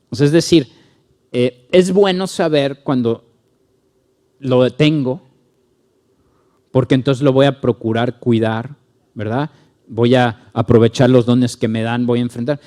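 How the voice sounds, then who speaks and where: Man preaching with lively storytelling. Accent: Mexican Spanish. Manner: storytelling, acts out dialogue with lively pitch swings. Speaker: pastor. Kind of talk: Bible study teaching with anecdotes.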